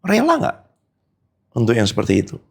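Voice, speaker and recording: A man's voice: wildly swooping pitch, moderate pace, gravelly, darkish tone, husky. A middle-aged male pastor giving a conversational sermon, telling stories and acting out the dialogue in them. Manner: storytelling, acts out quoted dialogue with big pitch swings.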